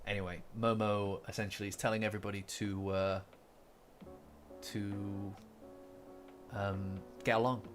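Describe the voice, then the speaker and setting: A man hosting a casual livestream, rambling with many fillers, repeated words and restarts. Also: fairly low pitch. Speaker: manga commentary livestream host. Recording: faint lofi music behind. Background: faint lofi guitar music.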